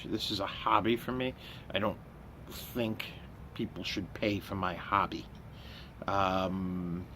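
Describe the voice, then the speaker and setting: Low-voiced man musing with pipe in mouth. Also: a bit bright. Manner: talks while smoking a pipe, often with it in his mouth. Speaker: pipe tobacco reviewer. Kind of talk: casual vlog chat. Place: outdoors by a house with trees. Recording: clear outdoor ambient noise.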